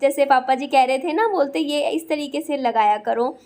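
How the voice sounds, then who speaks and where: A woman's voice: high voice, normal speed, a little mellow. A young woman narrating her day in a chatty, rambling vlog, full of fillers. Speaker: vlogger.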